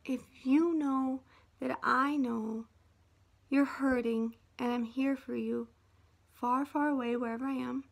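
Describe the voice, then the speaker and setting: A woman with a high voice talks straight to her viewers in a rambling, heartfelt monologue. She drifts between earnest pleading and a soft hush, speaking from a half-unpacked house. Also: steady tone, takes it slowly, vocal fry. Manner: rambling and emotional, sometimes dropping to a soft hush.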